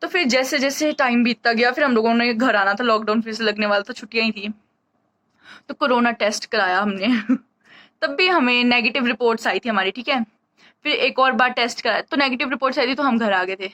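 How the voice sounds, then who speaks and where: A woman talks to her camera in a loose, chatty vlog style and wanders from point to point as she tells her story. Her voice sits a little on the high side, and she sounds short of breath throughout. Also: brisk, a bit bright, rough recording. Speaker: vlogger. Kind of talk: casual vlog talk to camera.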